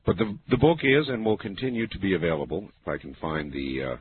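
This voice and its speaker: A man with a smooth radio host delivery, running a late-night call-in show and talking to his listeners. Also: low-pitched, fast talker. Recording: tinny lo-fi radio broadcast with faint hiss.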